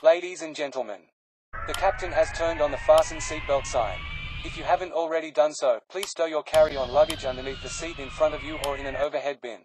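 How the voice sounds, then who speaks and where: A man reading scripted cabin safety announcements as a flight attendant, formal and measured. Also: on the high side, wildly swooping pitch, background noise.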